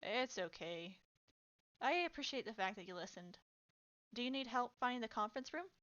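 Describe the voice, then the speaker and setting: A woman voicing a weary, bitter young male undead soldier in a low, drained murmur, for a fan audio reading. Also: animated, moderate pace, a bit bright, dull audio. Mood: reassuring.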